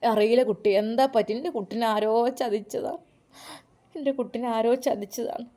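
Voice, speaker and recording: A woman's voice: steady tone, moderate pace, lightly acted. A woman voicing an elderly, grieving mother who pleads through tears. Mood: tearful pleading. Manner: sobbing, softer and lower than the narration. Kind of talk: storytelling with acted dialogue.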